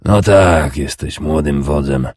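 A man voicing an old wounded Danish king who is scornful and bitter, with a rasping, contemptuous growl. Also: a bass voice, slow pace, a little mellow, no echo, clean studio sound, exaggerated voice.

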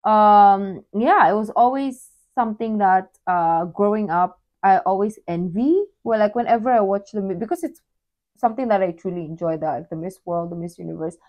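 A young woman from the Philippines talks casually over a video she is reacting to, full of curious questions and quick asides. Her voice sits at an ordinary middle pitch for a woman. She is recorded in a bedroom at home on a mic at her desk. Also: highs cut off. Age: young adult. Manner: chatty, curious, interjects often with questions.

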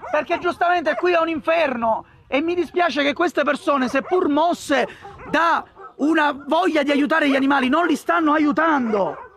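A man's voice: extremely high pitch, moderate pace. A man, an animal rights activist, filming a tense confrontation outdoors and pleading insistently for help. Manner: insistent and urgent, pleading and arguing. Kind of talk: live confrontation on camera. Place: street outdoors among agitated people. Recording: loud crowd around.

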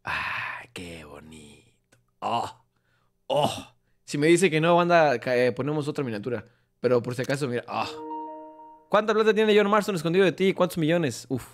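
A man's voice: a little high, lively intonation, brisk, faint music behind. A man with a Mexican accent, joking and teasing through casual gameplay commentary. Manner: playful, jokey, teasing. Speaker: gaming streamer.

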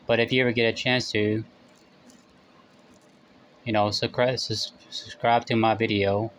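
A middle-aged man chatting casually to camera in short, halting phrases, his mouth burning from spicy food. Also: on the low side, little pitch movement, a bit bright, slight background noise. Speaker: vlogger doing a spicy food challenge. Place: small room indoors.

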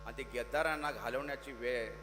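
A man's voice: medium pitch, steady tone, a little fast. A man with a Maharashtrian accent giving an emphatic political rally speech, exhorting listeners with rhetorical repetition. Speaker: political speaker. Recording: long hall reverb, mains hum, music behind.

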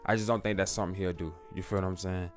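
A man's voice: low-pitched, fairly even intonation, fast talker, faint music behind. A young man, a YouTube creator, talking casually to camera about faith, preachy and slangy, calling viewers bro.

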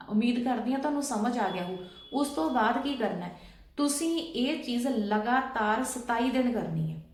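A woman's voice: on the high side, a little mellow. Patient woman in an echoey room. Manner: patient, repeats steps, checks in with listeners. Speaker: vlogger. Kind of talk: casual instructional talk.

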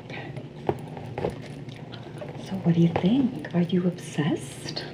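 A woman playing a pushy, flattering salon sales associate with a New Jersey accent in a whispered role-play, chewing gum as she talks. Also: lowish voice, slow. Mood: soothing, attentive. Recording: clearly noisy background.

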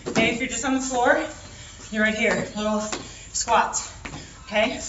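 High-voiced woman aerobics instructor, echoey studio. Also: moderate pace, very noisy. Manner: aerobics instructor urging with short, repeated motivating commands; exerting while talking, jumping and stepping. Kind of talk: workout class instruction with counted cues. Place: large mirrored indoor fitness studio. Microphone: far camera. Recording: echoey studio, distant dull mic, music playing. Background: workout music.

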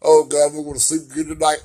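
A man talking to his camera about his recovery, swinging between soft, slow remarks and loud bursts of laughter. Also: fairly high pitch, slightly rough. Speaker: vlogger sharing his recovery. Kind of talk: casual personal vlog.

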